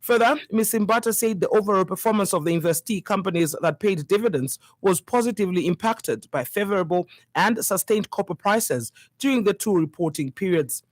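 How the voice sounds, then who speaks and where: A woman with a Zambian accent reads a scripted radio news bulletin, formal and measured. Her mid-range voice is expressive, and there's no echo.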